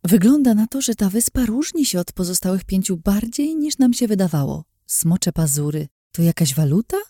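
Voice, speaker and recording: A woman's voice: medium pitch, lively intonation, normal speed, dry recording, studio quality, voice pushed up. A woman voicing a cheerful young woman, the narrator's friend, in an audiobook. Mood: whispering puzzled. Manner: bright and eager.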